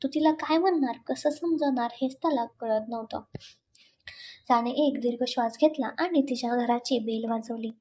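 A woman narrating a romantic story in a steady, expressive storytelling style. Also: on the high side, normal speed, a little hiss or hum.

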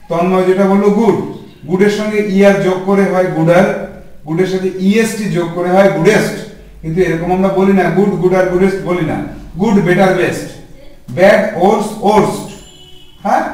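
An English teacher delivers a spoken grammar lesson, asking the class questions that he answers himself. His voice is high with a darkish tone, and he is recorded from a distance in an echoey room.

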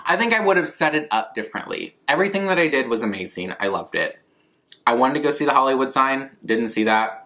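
A man's voice: mid-range voice, expressive, fast talker, pushed and bright. A man in his twenties chatting casually and candidly to camera, rambling in a self-deprecating way as he answers viewer questions. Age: 20s. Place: living room at a coffee table, indoors.

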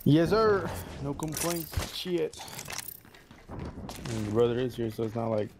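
A man's voice: medium pitch, lively intonation, a little slow, noisy background. A man on voice chat with a streamer, teasing and laid-back while gaming. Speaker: gaming teammate.

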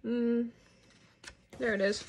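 Woman vlogger, home unboxing, unhurried and wry, higher-pitched voice, sometimes mid-chew. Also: level tone, gravelly, a little mellow, slightly rough. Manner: chatty, wry, bursts of mock outrage. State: talking while chewing. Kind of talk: casual unboxing commentary.

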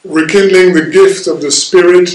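French facilitator, hesitant, roomy far sound. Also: male voice, sits high, steady tone, moderate pace. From France. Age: middle-aged. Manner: hesitant, many ums and restarts. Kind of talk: recorded video message. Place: sitting room with plant and map, indoors. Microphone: far camera. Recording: roomy audio from a distant camera.

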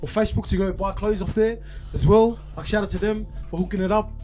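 A young Australian man with a high voice chats casually in sweary street slang. Music plays faintly behind him. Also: fairly even intonation, quick pace, a little mellow. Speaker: rap group member, guest. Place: crowded garage room. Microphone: handheld microphone.

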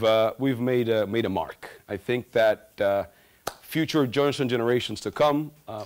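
Man, 30s, lively storytelling speaker on stage, pitch moves a lot. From Guatemala. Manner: animated, gesturing, humorous storytelling. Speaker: student speaker. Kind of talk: stage talk. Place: large auditorium stage.

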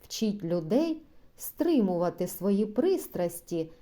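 A woman reading a play aloud for a school literature lesson, announcing the speakers calmly. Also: mid-range voice, slow. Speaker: reader of a literature text.

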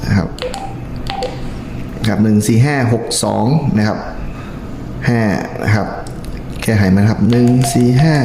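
A man's voice: lowish voice, unhurried, pauses often. A man presenting a step-by-step tutorial in a polite, instructional manner. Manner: polite, instructional, frequent courtesy particles. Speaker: presenter of a radio how-to channel. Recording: echoey room, clear background noise.

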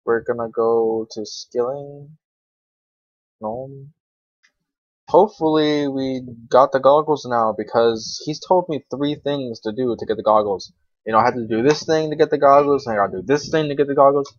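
A young man creating a gaming video talks at a moderate pace in a medium-pitched voice, giving casual, unscripted commentary. He rambles to himself in slang with some swearing, recorded dry on a dull, lo-fi microphone.

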